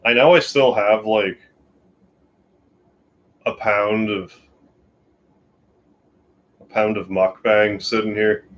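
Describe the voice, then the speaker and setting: A man's voice: lowish voice, fairly even intonation, slow, pauses often, fairly bright tone, lo-fi sound. A tired man from Canada chatting casually and rambling on a late-night live stream from his bedroom. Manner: sleepy, rambling, yawning. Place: home bedroom.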